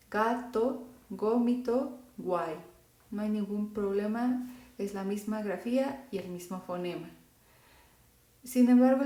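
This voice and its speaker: Female language teacher, dark and mellow tone, unhurried delivery, echoey room. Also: mid-range voice. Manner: slow, careful, repeats example words. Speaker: Italian teacher. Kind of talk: phonetics lesson for Spanish speakers.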